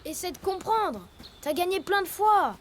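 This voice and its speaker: A woman's voice: very high-pitched, very animated, normal speed, a little hiss or hum. A woman voicing a cheerful young male tiger cub in a cartoon, bouncy and playful. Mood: soothing. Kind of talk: French cartoon dubbing. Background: cartoon music.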